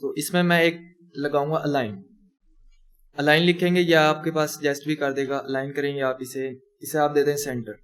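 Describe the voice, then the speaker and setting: A young man with a fairly high, mostly flat voice speaks at a moderate pace in a screen-recorded coding tutorial. He narrates each step as he types and corrects himself along the way.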